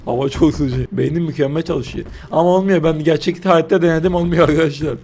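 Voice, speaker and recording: Crude high-voiced young gaming man. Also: fairly even intonation, quick pace, darkish tone, slight background noise. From Turkey. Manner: crude, joking, bursts into shrieks when startled. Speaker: gaming YouTuber. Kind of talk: let's play commentary.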